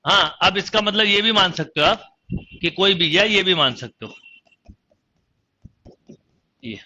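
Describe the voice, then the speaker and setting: A man's voice: high voice, animated, measured pace, pushed and bright. Male math teacher, exam-prep lecture, step-by-step explaining, muffled lo-fi recording. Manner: explains step by step, quizzing students.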